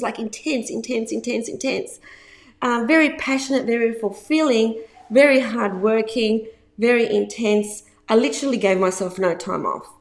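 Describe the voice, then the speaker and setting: A business coach in her fifties speaks casually to camera in a slightly high voice. She repeats words for emphasis and laughs easily between points.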